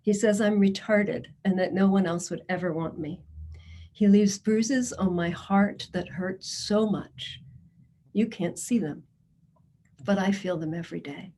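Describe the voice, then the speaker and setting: Reading first-person testimonies, this social services presenter addresses a committee in a prepared, measured, earnest manner. She has a mid-range, dark voice, with slight background noise in the recording.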